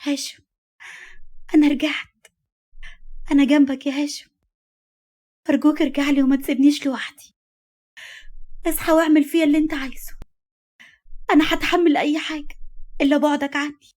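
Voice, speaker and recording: A woman voicing a desperate young woman, tearful and high. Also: fairly even intonation, rapid-fire, lightly acted. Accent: Egyptian Arabic. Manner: pleading, tearful.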